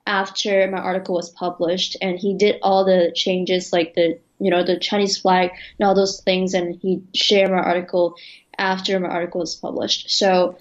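A woman's voice: fairly low pitch, flat delivery, moderate pace. A young woman from Hong Kong, a journalism student, answers interview questions hesitantly, with many fillers and restarts. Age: young adult. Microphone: video call. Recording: dull lo-fi video call audio.

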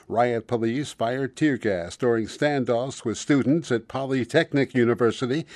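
A man reading the news as anchor in a measured, formal delivery. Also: mid-range voice, darkish tone, dry recording. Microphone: studio microphone.

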